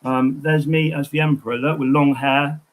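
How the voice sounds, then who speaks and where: A man's voice: a little high, little pitch movement, normal speed, low-quality recording. A man chatting casually on a livestream, telling rambling, digressive stories.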